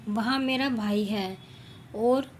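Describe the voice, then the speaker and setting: A woman's voice: on the high side, slow pace, slight background noise. A woman voicing an angry, stubborn elderly mother-in-law who speaks harshly. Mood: scolding. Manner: harsh, scolding.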